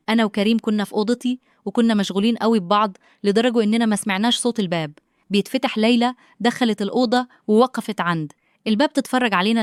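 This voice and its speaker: Fast-talking Egyptian woman narrator. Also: mid-range voice, no room sound, clean studio sound. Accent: Egyptian Arabic. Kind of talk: first-person story narration.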